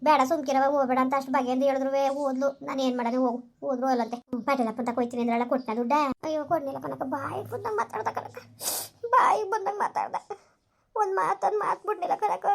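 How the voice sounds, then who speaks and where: Woman as village mother: high, rapid, scolding and tender, hobby drama. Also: fairly even intonation, vocal fry. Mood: sorrowful. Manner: fast, scolding, emotional.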